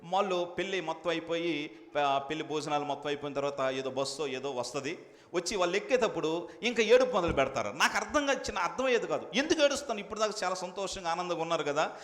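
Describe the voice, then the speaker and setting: A man's voice: a little high, expressive, fast, in a large hall. A man preaching as pastor at a Sunday worship service, emphatic and repetitive, putting questions to his congregation. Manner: emphatic preaching with repeated phrases and swings in loudness; asks the congregation questions and addresses them directly.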